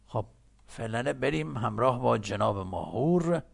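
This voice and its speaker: Man, Persian accent, English teacher, gravelly, slow careful repetition. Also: mid-range voice, expressive. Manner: explains slowly, repeats words for learners. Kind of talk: recorded language lesson.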